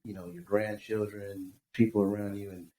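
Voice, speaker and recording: Deep-voiced guy from tucson, chill and reflective, echoey room with a bit of hiss. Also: level tone, normal speed, dark tone. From Tucson, Arizona. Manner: reflective, easygoing, uses "you know" a lot. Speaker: guest author. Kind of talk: casual podcast interview. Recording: echoey room with faint background noise.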